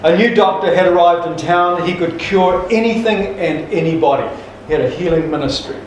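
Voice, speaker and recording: A man's voice: high-pitched, normal speed, a little hiss or hum. A man preacher delivering a sermon with jokes, folksy and emphatic, with restarts. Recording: echoey church hall from far off.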